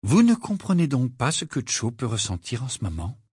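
A man voicing Hermione, a bossy, clever teenage girl who talks in a brisk, prim, lecturing way. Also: mid-range voice, huge pitch swings, a little mellow, husky, dry recording, studio quality, heavily acted.

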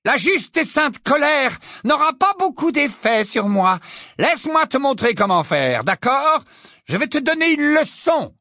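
A reader voicing a cruel, gloating witch who taunts and shouts in an audiobook. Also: high voice, big pitch swings, measured pace, no echo, studio quality, voice pushed up, exaggerated voice. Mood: menacing taunts. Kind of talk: audiobook character voice.

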